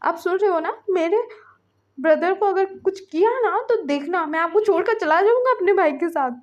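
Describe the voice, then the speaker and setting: A woman's voice: very high voice, moderate pace, pitched above the performer's own voice. A woman voicing an emotional young male merman prince who pleads and scolds in a whiny way. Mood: scolding. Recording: slightly dull lo-fi recording.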